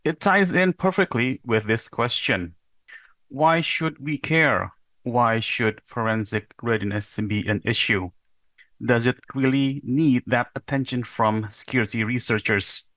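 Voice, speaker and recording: A young Indonesian PhD researcher gives a recorded conference talk, explaining in a measured way with the occasional rhetorical question. His voice is mid-range and a bit bright, with no room sound.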